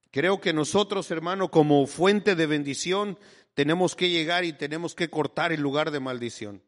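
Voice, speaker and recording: A man preaches with fervor, leaning on "brother" as he drives each point home. His voice sits on the high side for a man. It rings out with a long reverb, like a church hall. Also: a bit bright. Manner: fervent preaching, addressing listeners as brother constantly. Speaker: pastor. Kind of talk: sermon.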